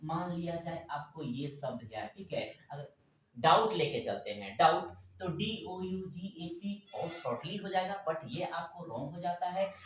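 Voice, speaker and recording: A man's voice: a little high, lively intonation, unhurried. A male teacher explains pronunciation to his students and repeats each word several times so they catch it. His voice rings through a very echoey room, picked up from some distance away from the mic. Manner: addresses students directly, repeats words to drill pronunciation. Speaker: English teacher. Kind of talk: classroom-style grammar lesson.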